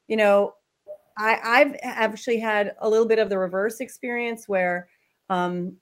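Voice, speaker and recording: A woman guest on a podcast, chatting casually and telling animated stories about her kids. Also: medium pitch, unhurried. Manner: animated storyteller, acts out voices. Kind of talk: casual chat.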